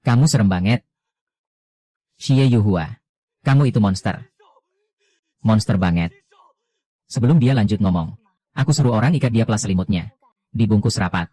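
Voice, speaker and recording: Brief: male narrator, low and mellow, steady dramatic story read. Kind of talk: first-person animated story narration.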